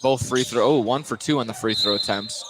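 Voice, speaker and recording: Brisk and medium-pitched, this man delivers live radio play-by-play of a basketball game from an indoor gym. Game noise and the thump of a bouncing basketball fill the noisy broadcast.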